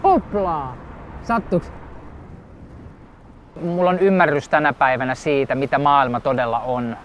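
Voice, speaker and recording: A photographer from southeastern Finland talking casually on location outdoors, lively and quick to exclaim. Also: male voice, medium pitch, slight background noise. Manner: lively, exclaims while shooting. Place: outdoors in town.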